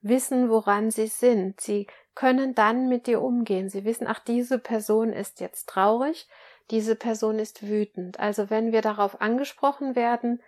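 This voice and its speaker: A woman hosting a spiritual podcast, speaking calmly and gently as she relays messages from her teachers to her listeners. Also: on the high side, normal speed. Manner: calm, gently instructive, addresses listeners as dear children. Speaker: spiritual medium and podcast host. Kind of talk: channeled spiritual talk.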